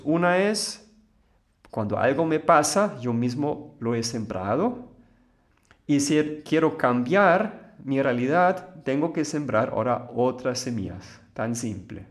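A man giving a calm, explanatory spiritual talk as a teacher, often asking rhetorical questions and then answering them. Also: mid-range voice.

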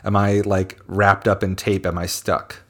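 A man's voice: sits low, flat delivery, a little slow, fairly bright tone. A man, a musician guest, chatting casually and animatedly, spinning playful theories. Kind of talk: casual chat.

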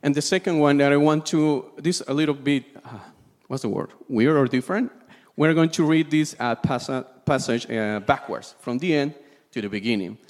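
A Peruvian man with a Peruvian Spanish accent preaches a sermon in English, his second language, occasionally pausing to find words. His voice is mid-range, and the recording carries long hall reverb.

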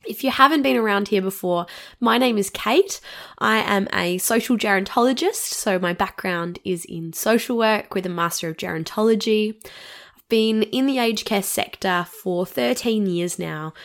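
A woman in her thirties with an Australian accent hosts a casual solo podcast, her voice nasal from a cold, mid-range, and touched with vocal fry. She chats at normal speed, with little laughs between phrases.

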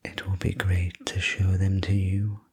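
A man whispering slowly and soothingly as a sleep story narrator, in a whispered role-play as a courteous head servant with a breathy voice. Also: low voice, monotone, darkish tone. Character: courteous male head servant guiding a manor tour.

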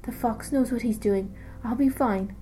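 A woman voicing a frightened young girl who speaks in a higher, breathy, hushed voice. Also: moderate pace, soft background music, close to an everyday voice. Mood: anxious.

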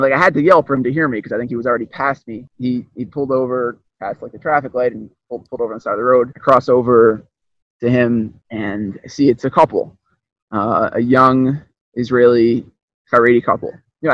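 A young man casually retelling a personal story, rambling and animated, often restarting his sentences. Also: mid-range voice, no echo, lo-fi sound.

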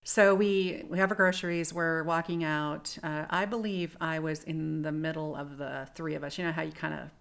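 Woman, middle-aged, low gravelly voice, podcast co-host, reflective, thinks aloud. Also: fairly even intonation, moderate pace, few pauses. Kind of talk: casual storytelling chat.

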